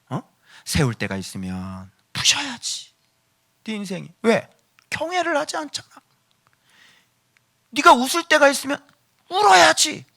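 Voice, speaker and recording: A male pastor preaching a sermon, scolding his listeners with rapid rhetorical questions and swinging between loud exhortation and hushed low passages.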